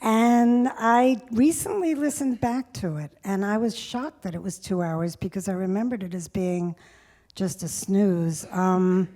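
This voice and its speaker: A woman's voice: on the low side, warm tone. A woman in her sixties, a music journalist on stage, chatty and reminiscing as she answers questions. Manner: chatty, reminiscing, laughs often. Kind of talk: onstage conversation. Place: stage before a live audience.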